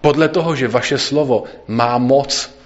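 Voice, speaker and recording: A man preaching a sermon at a church service and reading scripture aloud, earnestly slowing for emphasis. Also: mid-range voice. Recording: dull lo-fi recording.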